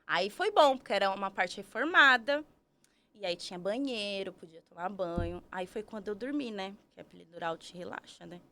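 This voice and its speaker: A woman's voice: medium pitch, expressive, normal speed, bright, forceful tone. A woman, telling her story as a podcast guest, chatty and full of tag questions. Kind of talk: casual storytelling.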